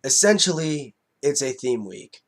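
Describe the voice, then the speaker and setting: A man's voice: medium pitch, very animated, a little slow. A man with a cold, sounding nasal and congested, casually reviewing a horror film with many fillers and restarts.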